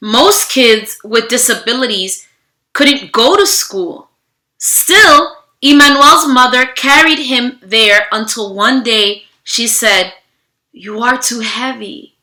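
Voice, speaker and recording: Her bright, fairly high voice fills an echoing room as a teacher gives a children's read-aloud, opening with an animated greeting. She goes slowly and theatrically, full of expression, and talks straight to her listeners.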